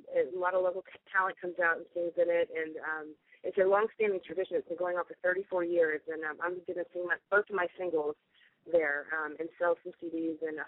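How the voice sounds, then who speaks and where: A woman from Tennessee, a singer and guest, chatting easily on the phone, laughing often and filling pauses with lots of ums. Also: deep voice, no room sound. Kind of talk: phone interview chat. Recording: tinny phone line.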